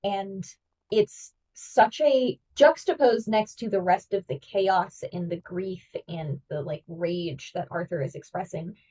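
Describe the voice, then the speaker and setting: Heard from a distance on a rough recording, a woman speaks at a medium pitch with a dark tone and a measured pace. She's the guest host of a casual podcast, analyzing ideas with eager energy and many filler words.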